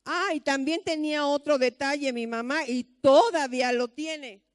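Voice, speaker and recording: High-voiced Mexican woman pastor preaching. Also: normal speed, no echo, studio quality. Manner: storytelling with rhetorical questions. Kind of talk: conversational sermon.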